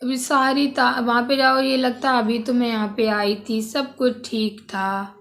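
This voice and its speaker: A woman's voice: on the high side, level tone, a little slow, a bit bright. A young woman vlogger earnestly recounting a personal family story, close to tears at times.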